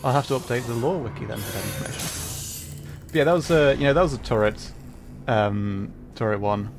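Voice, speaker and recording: A man's voice: medium pitch, brisk. A man with an English accent, somewhere between Derbyshire and received pronunciation, chats through a game stream in an ordinary mid-range voice. He rambles, stumbles over fillers and laughs often. A faint hiss sits behind him. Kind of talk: casual gaming commentary.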